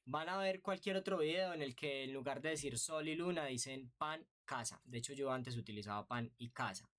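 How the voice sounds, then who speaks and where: A man's voice: mid-range voice, moderate pace, fairly bright tone. A man teaching an online music theory lesson, patient and explanatory, often checking in with rhetorical questions.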